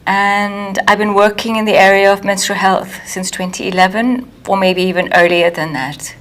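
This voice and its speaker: A woman from Kenya, an author and editor speaking in a measured, careful way during a recorded interview with retakes. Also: medium pitch, fairly even intonation, fairly bright tone. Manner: measured, careful, restarts lines.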